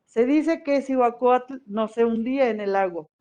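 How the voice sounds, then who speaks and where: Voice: medium pitch, moderate pace, warm tone, dull audio. A history teacher gives a conversational classroom lecture and often checks in with the students.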